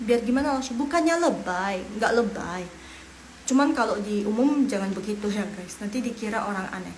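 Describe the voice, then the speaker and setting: A woman's voice: medium pitch, expressive, brisk, roomy sound, a little hiss or hum, low-quality recording. A young woman from Medan with a Medan accent, teaching a casual online Mandarin lesson, encouraging and drilling tones aloud. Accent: Medan Indonesian. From Medan, Indonesia. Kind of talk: live online language lesson.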